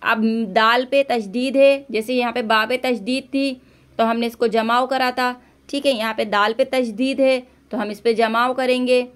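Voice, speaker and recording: A woman teaching Quran recitation online, patiently correcting pronunciation, repeating syllables and drawing out recited words slowly. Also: a little high. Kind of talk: online tajweed lesson.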